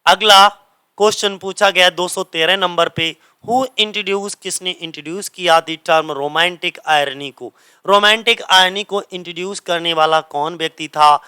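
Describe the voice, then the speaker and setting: A man teaching English literature for exams, asking his students the same question again and again and reading English passages out slowly. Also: sits high, sharp tone, clean tone, no room sound, poor audio. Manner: repeats key answers as quiz questions to students; mixes Hindi and English, reads English passages slowly. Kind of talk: exam-prep lecture.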